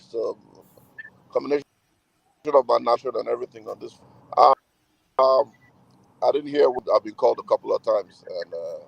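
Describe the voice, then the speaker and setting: A man calling in from his car on speakerphone while driving, talking in a hurried, halting way with many fillers. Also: medium pitch, vocal fry, no echo. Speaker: call-in participant. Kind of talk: online group discussion. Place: in a moving car. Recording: muffled lo-fi phone line.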